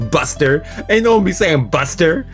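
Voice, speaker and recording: Faint music plays behind a man whose fairly high voice is very animated yet measured in pace. He's streaming a let's play, reading a visual novel's story aloud and tossing in informal, slangy asides as he reacts.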